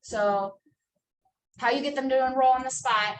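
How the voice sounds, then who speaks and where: This sales trainer is a woman in her twenties whose high-sitting voice moves at a moderate pace, with a little hiss or hum on the audio. She coaches new sales agents emphatically, filling her speech with fillers. The echoey room is captured from a distance, with faint ambience.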